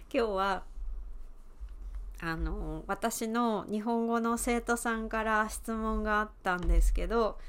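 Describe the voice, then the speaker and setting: A woman in her thirties with an Osaka accent, hosting a podcast lesson and explaining words in an easygoing way with fillers and soft laughs. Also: medium pitch. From Osaka, Japan. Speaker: Japanese teacher and podcast host.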